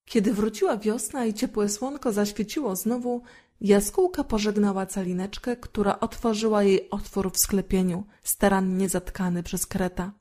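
A woman reads a fairy tale aloud in a gentle, expressive storytelling manner. Her voice is mellow and dark-toned, sitting at an ordinary pitch. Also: moderate pace.

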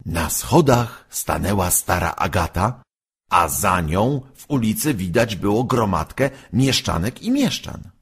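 A man narrating a storybook in a slow, expressive way. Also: low-pitched, breathy edge. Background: faint music.

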